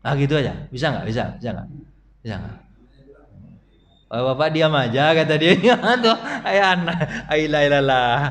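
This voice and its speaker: Male preacher, middle-aged, high and lively voice, storytelling sermon with audience questions. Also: normal speed. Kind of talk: mosque study sermon. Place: mosque.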